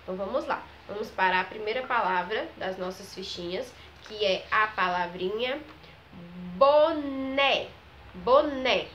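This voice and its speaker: Woman teaching little kids, mid pitch, stretches words out, keeps asking if they got it. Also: bright, forceful tone, slight background noise. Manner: slow, stretches out example words and checks in with the class. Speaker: primary school teacher. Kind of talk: classroom lesson to children.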